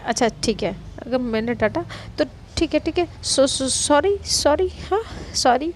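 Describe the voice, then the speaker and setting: A woman's voice: sits high, animated, soft background music. Woman doing a flustered, stammering young woman. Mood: pleading. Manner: stammering, pleading, rushed apologies.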